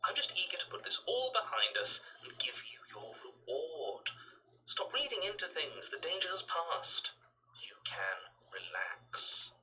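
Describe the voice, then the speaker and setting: Eye-rolling, exasperated game narrator, sharp and bright. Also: male voice, fairly high pitch, sing-song, measured pace, whispered, exaggerated voice, rough recording. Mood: impatient, dismissive. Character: exasperated, impatient male narrator, insisting and dismissive. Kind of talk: dramatic video game voice acting.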